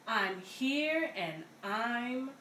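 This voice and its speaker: A slightly high-voiced woman leads story time at a community center, reading a children's picture book slowly, deliberately and with animation for young listeners. The recording is roomy and distant, with faint noise in the background.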